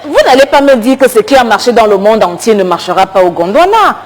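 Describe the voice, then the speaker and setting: A woman with a West African French accent, speaking slowly and insistently as an advisor in a comedy sketch. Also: fairly high pitch, animated, some chatter behind, slight background noise. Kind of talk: staged comedy sketch dialogue.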